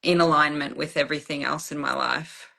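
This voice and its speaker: A woman sharing personal reflections as a client in a spiritual session, halting as she searches for her words. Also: deep voice, steady tone, vocal fry, bright, forceful tone.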